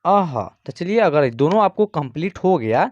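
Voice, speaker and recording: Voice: medium pitch, expressive, moderate pace, darkish tone, dry recording, dull audio. An online teacher giving a patient beginner's lesson, reciting letters one by one and often adding small check-in fillers. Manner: patient, repeats "theek hai" and "jo hai" fillers.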